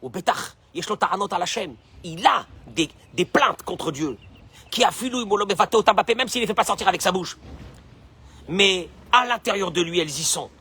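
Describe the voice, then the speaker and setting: A rabbi gives a Torah lesson full of Hebrew quotations, his high, expressive voice bright and forceful with a breathy edge, at normal speed. He acts out the complaining voices he describes. He keeps asking rhetorical questions and likes repeating phrases.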